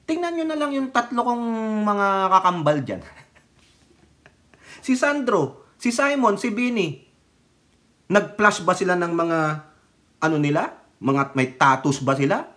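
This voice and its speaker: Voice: mid-range voice, animated, unhurried, pauses often, a bit bright. A middle-aged commentator from the Philippines, talking politics in a fiery, casual way and firing off rhetorical questions.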